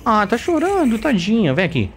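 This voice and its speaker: A man with a Brazilian Portuguese accent doing let's play commentary, jumpy and swearing, with bursts of squeaky baby talk. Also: huge pitch swings, fairly quick, soft background music. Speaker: gameplay streamer.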